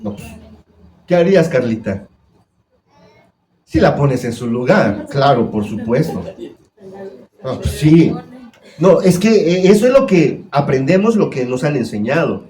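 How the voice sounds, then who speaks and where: A man's voice: on the high side, very animated, measured pace, long pauses, mellow. A man preaching a sermon as pastor, putting questions to his congregation. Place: church hall. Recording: echoey church room.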